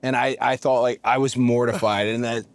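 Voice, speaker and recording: A man hosting a casual interview chat, earnest and halting. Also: medium pitch, flat delivery. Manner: earnest, stumbling restarts, gets emotional. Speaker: host.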